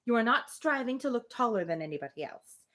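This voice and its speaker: On her livestream, a woman with a fairly high voice reads a classic novel at a fairly quick pace, bringing expression to the text. She interrupts herself with relaxed, amused remarks.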